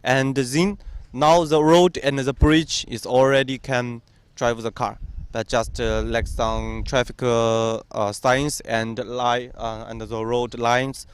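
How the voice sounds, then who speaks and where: Male live interpreter, slow and halting with fillers, smooth clear voice. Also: medium pitch, level tone. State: live interpreting, translating on the spot. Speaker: interpreter for a project manager. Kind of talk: field interview translation.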